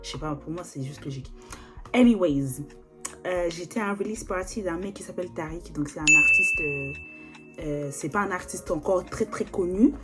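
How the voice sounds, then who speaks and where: A woman's voice: on the low side, normal speed. Chatty young woman, faint music. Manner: chatty, slangy, full of fillers. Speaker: vlogger. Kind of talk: casual chat. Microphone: phone or video call.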